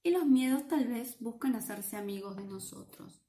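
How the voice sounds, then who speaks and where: A woman with a Rioplatense Spanish accent reads a picture book aloud to children, playful and lively, often asking them questions. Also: a little high, normal speed, echoey room. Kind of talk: animated read-aloud for children.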